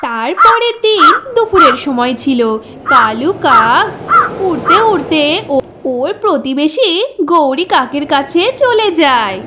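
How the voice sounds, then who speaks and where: A woman tells a cartoon fairy tale in a dramatic storybook manner. Her voice is high and swings lively up and down. A faint noise sits underneath. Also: measured pace. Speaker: narrator. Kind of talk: storybook narration.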